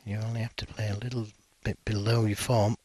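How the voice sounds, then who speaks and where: A man giving hushed live snooker commentary in a measured, analytical and understated way. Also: fairly low pitch, level tone, crowd noise.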